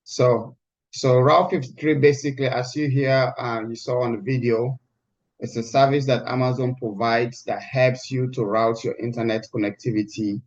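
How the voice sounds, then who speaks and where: A man teaching a live online class, heard through a screen-recorded video call, talking in a halting way with many restarts. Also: medium pitch, fairly even intonation, highs cut off. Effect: screen-recorded video call audio. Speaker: instructor. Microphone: computer mic on a video call.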